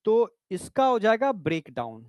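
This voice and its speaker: In a classroom biology lecture, a man with a high, sing-song voice explains things step by step at a measured pace, often checking that students follow. He calls them "bhai" and "beta," and the recording is dry.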